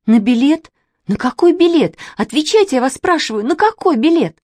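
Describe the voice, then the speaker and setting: Woman reader doing a young woman, frantic and tearful, high rising voice, anxious demanding questions, storybook. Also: wildly swooping pitch, measured pace, breathy edge, no room sound, clean studio sound, exaggerated voice.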